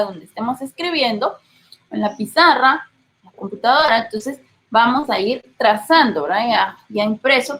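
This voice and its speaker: A woman's voice: fairly high pitch, fairly bright tone, rough recording. A woman teacher with a Guatemalan accent giving a patient classroom lecture, often checking in with her listeners. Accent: Guatemalan Spanish. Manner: explains patiently, checks in with frequent rhetorical questions.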